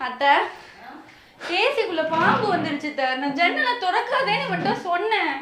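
A woman's voice: very high voice, animated, normal speed, echoey room, a crowd in the background. A young woman vlogger, frightened and pleading while half laughing in casual chat. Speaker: vlogger, wife in a couple channel.

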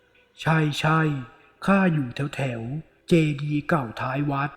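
A man voicing a stern young ghost woman who guards treasure, speaking slowly and flatly with quiet menace. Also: on the high side, big-room sound. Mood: cold, menacing. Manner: slow, flat, menacing speech.

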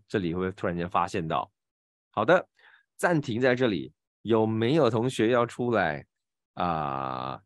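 A man with a Malaysian Mandarin accent teaching pronunciation in an online class, patiently demonstrating each sound with drawn-out repetitions. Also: lowish voice, dry recording, clean studio sound. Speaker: voice acting teacher.

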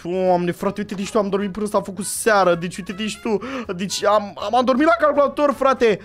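A man hosting a Minecraft role-play video, talking in an excitable, jokey way and often yelling. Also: sits high, faint music behind. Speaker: gaming channel host.

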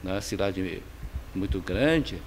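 Chinese-accented man, unhurried and halting. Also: deep voice, lively intonation, slight background noise. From China. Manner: unhurried, many fillers and restarts. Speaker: painter and architect interviewee. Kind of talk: interview answers. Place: home studio with paintings, indoors. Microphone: handheld interviewer's mic.

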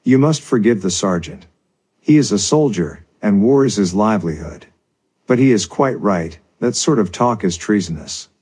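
Guy doing a cold stern bailiff, formal and threatening, lowish husky voice. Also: lively intonation, moderate pace, a little mellow. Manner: menacing, formal.

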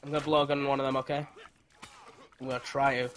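A man's voice: mid-range voice, level tone, fast talker, fairly bright tone, a little hiss or hum. A young man chatting over a multiplayer game with a teammate, joking, swearing and shrieking when things get tense. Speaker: gamer. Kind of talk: excited gameplay chat.

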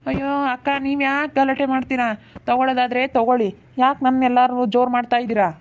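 A woman's voice: medium pitch, fairly even intonation, fast, a little mellow, lo-fi sound, slight background noise, natural voice. A woman playing a defensive male vegetable seller, pleading with customers.

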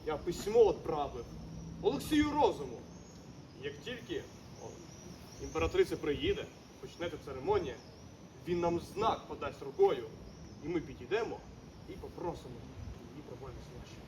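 A man's voice: a little high, sing-song, moderate pace, pauses often, background noise. A man playing an earnest Cossack leader in a historical stage performance. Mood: solemn. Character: Cossack leader awaiting the empress. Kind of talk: historical theatre acting.

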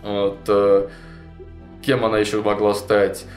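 This young man's voice sits lowish, and he takes his time as he spins a long, filler-heavy story, animated and casual, dropping "вот" and "ну" throughout. He's a guest in a suit jacket, seated in a roomy studio with a chalkboard wall, where faint music plays.

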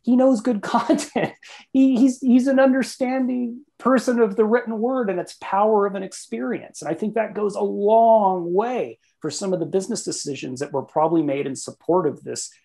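A conference speaker answering audience questions over a video call, talking in an animated, emphatic way. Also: mid-range voice, moderate pace, gravelly. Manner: animated, emphatic, laughs between points. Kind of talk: casual Q&A answer.

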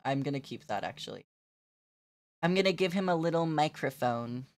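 A young woman with a fairly low voice chats casually with her stream viewers while drawing. She giggles often and gushes over her work. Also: expressive, normal speed. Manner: giggly, gushing, talks to chat.

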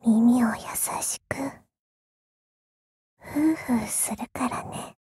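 A woman streaming an ASMR role-play, talking in a teasing, coquettish way with soft, drawn-out endings. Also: on the high side, slightly rough, no room sound.

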